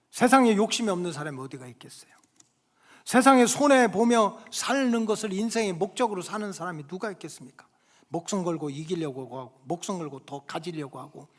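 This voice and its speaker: A male pastor preaching a Sunday sermon, acting out scolding parents and squabbling children, swinging between loud emphasis and near-whispered asides. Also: sits high. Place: church sanctuary. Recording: long hall reverb from the church.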